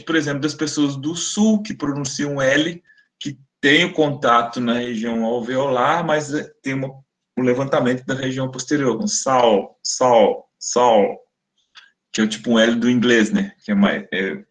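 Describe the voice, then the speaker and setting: A man's voice: medium pitch, normal speed, a bit bright. Brazilian male lecturer, casual explanatory webinar delivery, sounds out examples, mid-range voice. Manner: explanatory, demonstrates speech sounds aloud, frequent "né?" tags.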